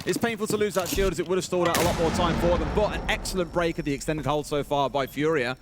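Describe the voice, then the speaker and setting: A man's voice: on the high side, fast talker. A man giving live analytical esports commentary in a chatty way, with colourful turns of phrase. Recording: game gunfire and noise behind. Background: game gunfire.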